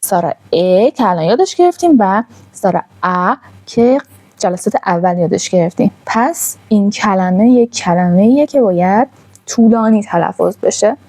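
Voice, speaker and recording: A woman gives an online language lesson to beginners. Her voice is mellow and warm. She draws out each sound she demonstrates with patient care. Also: medium pitch, lively intonation. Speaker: Thai language teacher.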